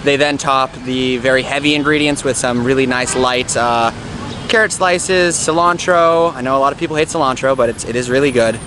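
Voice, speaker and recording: A young adult man, a travel vlogger, talks casually and eagerly to a camera held at arm's length in a city park, with outdoor street noise around him. His medium-pitched voice is brisk, chatty and enthusiastic, full of fillers.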